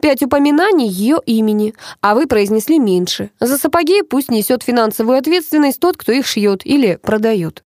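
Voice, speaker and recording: A woman's voice: on the high side, lively intonation, normal speed, few pauses, a little mellow, dry recording, clean studio sound, pitched above the performer's own voice, close to an everyday voice. A woman doing a bossy male TV director. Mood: brusque. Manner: barking orders, brusque. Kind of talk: audiobook character reading.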